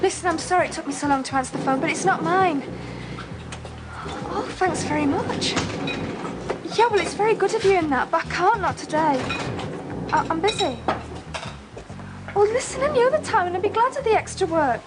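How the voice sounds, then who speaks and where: A woman's voice: very high-pitched, animated, fairly quick, long pauses, noisy background. An actress playing a harried young mother, speaking defensively on a British TV soap. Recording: TV soundtrack, kitchen clatter behind.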